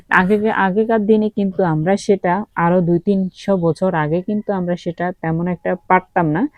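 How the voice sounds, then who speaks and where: A woman's voice: medium pitch, no echo, lo-fi sound. A woman from Comilla, Bangladesh, teaching a grammar lesson. She often asks a question and then answers it herself, with many fillers along the way.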